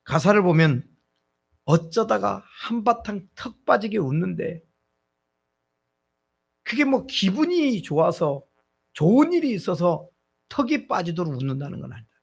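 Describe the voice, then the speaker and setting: A man's voice: high voice, very animated, unhurried, creaky, pauses often, breathy edge. A middle-aged male pastor preaching a sermon in a conversational way, asking his congregation rhetorical questions.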